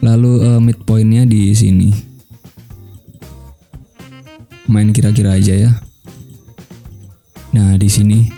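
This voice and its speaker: A young man talks viewers through a photo edit in a loose, unhurried way, pausing on fillers as he works things out. His voice is fairly low and very mellow. Faint music plays quietly behind him. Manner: relaxed, thinks aloud with many fillers. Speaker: photo editing tutor. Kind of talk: casual screen-recorded tutorial.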